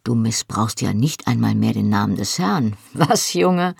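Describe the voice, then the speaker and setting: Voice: mid-range voice, animated, a little slow, creaky, husky, no echo, studio quality, pitched below the performer's own voice, full character voice. A reader voicing a man who mocks a comrade, in a teasing drawl. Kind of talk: audiobook character reading.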